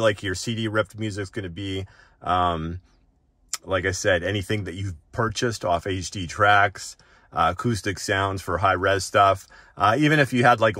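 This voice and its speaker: Speaking with a voice on the low side and a little bright, this man hosts an off-the-cuff gadget tutorial. He keeps it conversational, frequently adding a quick "right?" to his sentences, and there's no room sound.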